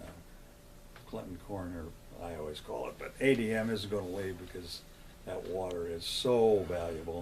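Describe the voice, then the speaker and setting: An older man, a longtime local resident, is interviewed for an oral history. His low-pitched voice has a darkish tone, and the low-quality recording carries a faint hiss or hum. He talks in a plain-spoken, conversational way, often posing questions and answering them himself.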